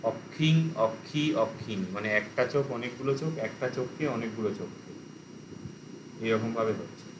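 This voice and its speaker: A man teaching an online language lesson, explaining grammar and reciting word forms slowly. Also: medium pitch, animated, noisy background.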